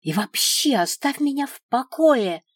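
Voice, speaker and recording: A woman's voice: fairly high pitch, slow, a little mellow, no room sound, clean studio sound, voice pushed up. A woman reading the young teenage heroine of an audiobook, who snaps in resentful outbursts. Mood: angry, tearful. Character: young teen witch girl, sulky and hot-tempered.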